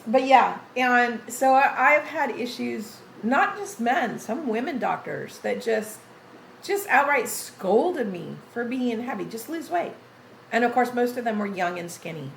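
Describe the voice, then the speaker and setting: Gravelly-voiced woman in her sixties chatting. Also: a little high, lively intonation, a little slow, fairly bright tone, reverberant, a little hiss or hum, low-quality recording. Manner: rambling, reads chat names aloud, many restarts. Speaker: gaming livestream host. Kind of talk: casual chat with live chat readers.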